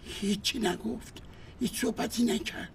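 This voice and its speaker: A man's voice: very high voice, steady tone, vocal fry, slight background noise. An actor playing an older man, a hotel guest who complains emphatically about his stubborn wife. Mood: exasperated.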